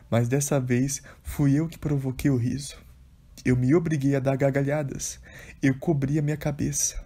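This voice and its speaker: Husky-voiced man reading a devotional book. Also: medium pitch, dark tone. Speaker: audiobook reader.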